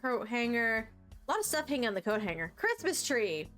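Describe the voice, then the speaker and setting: A woman's voice: a little high, very animated, a little fast, a bit bright, soft background music. A woman streamer doing chatty, amused let's play commentary, reading items aloud.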